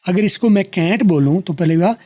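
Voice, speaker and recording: A man with a Pakistani accent teaching English pronunciation, saying example sentences slowly and drawn out, then explaining them briskly. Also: high voice, warm tone, dry recording, studio quality.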